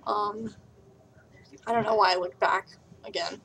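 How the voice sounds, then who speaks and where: A woman's voice: medium pitch, fairly even intonation, a little slow, a bit bright, slight background noise, low-quality recording. A woman rambling casually in a vlog while eating and coughing, talking with her mouth full. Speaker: vlogger.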